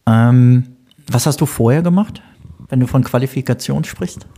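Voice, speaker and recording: A man's voice: mid-range voice, normal speed, mellow, husky. A man hosting a podcast interview, introducing his guest and asking questions.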